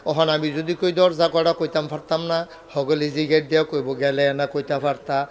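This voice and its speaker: A man preaching a waz sermon, telling stories with acted dialogue, often climbing to near shouts and drawing laughs with colloquial humor. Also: a little high, level tone, moderate pace. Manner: dramatic storytelling, acting out dialogue, rising to near shouts.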